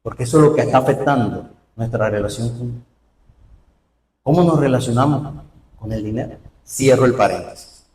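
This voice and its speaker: A man preaches in a church, lively and pointed, throwing rhetorical questions at the congregation. His voice sits at a middle pitch and comes from some distance off the mic. The hall around him rings with echo. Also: normal speed, long pauses, slight background noise. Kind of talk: sermon. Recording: roomy hall, voice from far off.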